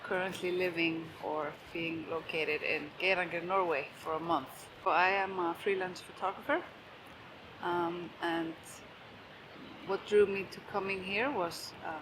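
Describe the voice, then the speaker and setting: A woman from Iceland, answering interview questions thoughtfully with small fillers. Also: fairly low pitch. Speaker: freelance photographer. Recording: clear background noise.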